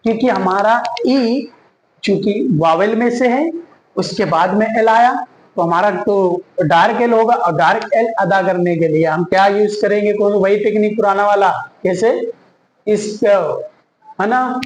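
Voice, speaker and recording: High-voiced man drilling English pronunciation. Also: measured pace, reverberant, slight background noise, low-quality recording. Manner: drills words by repeating them, asks and answers his own questions. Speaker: English teacher. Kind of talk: pronunciation lesson.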